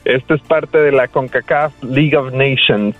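A man's voice: mid-range voice, steady tone, measured pace, phone-quality sound, soft background music. A man from New York, a radio co-host reading out trend rankings in casual banter and laughing easily. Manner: reads out items, laughs easily.

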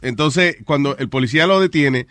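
A man hosting a call-in radio show, chatting in an animated way, laughing loudly and mixing Spanish with English. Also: a little high, normal speed, no echo, studio quality. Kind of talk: casual radio banter with callers.

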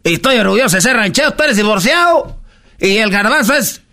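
A man voicing a loud, blunt, proud old rancher with a Mexican accent in a radio comedy sketch, talking brusquely and rambling through crude jokes. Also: sits high, expressive, brisk, heavily acted. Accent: Mexican Spanish.

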